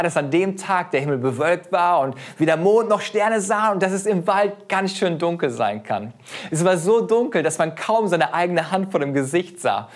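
A pastor in his thirties preaching a sermon in an earnest, expressive way, his voice rising and dropping widely in pitch and loudness.

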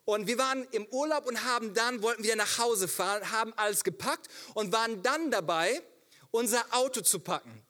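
A man in his thirties preaches to his church, weaving a family story into the sermon. His voice sits very high and sounds bright and forceful. He talks in an animated way and keeps asking rhetorical questions. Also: a little fast. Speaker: pastor.

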